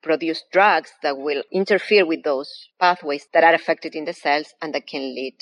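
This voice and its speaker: Answering interview questions at a moderate pace, a woman with a low, deep voice and an Argentine Spanish accent speaks as a guest anatomy professor. She walks listeners through her field patiently and methodically, one step at a time.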